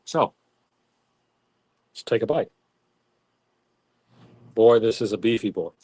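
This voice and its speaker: A man hosts a casual live grilling stream and talks straight to his viewers. His voice is mellow and relaxed, and he pokes fun at himself as he goes. The sound is dry and close. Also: lowish voice, slow, no room sound. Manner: self-deprecating, chatty, talks to viewers.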